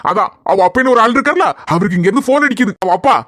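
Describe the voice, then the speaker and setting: A man's voice: very high voice, lively intonation, very fast, a bit bright. A man voicing a stern, lecturing police officer in a cartoon, with a Kanyakumari Tamil accent and a scolding, explanatory way of talking. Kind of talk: cartoon dialogue.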